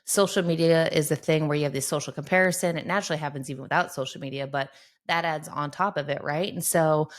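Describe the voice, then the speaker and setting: Low-voiced woman, earnest and encouraging. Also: steady tone, quick pace. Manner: earnest, encouraging, often adds "right?". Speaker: guest sports psychologist. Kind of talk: conversational podcast interview.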